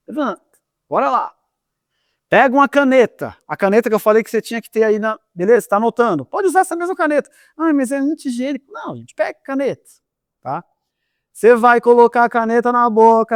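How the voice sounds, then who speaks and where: A man with a Brazilian Portuguese accent teaching a lively online lesson on speaking, coaxing viewers into exercises and demonstrating different ways of talking. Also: sits high, no room sound, clean studio sound. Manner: energetic, coaxing, demonstrates voice styles. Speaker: communication teacher.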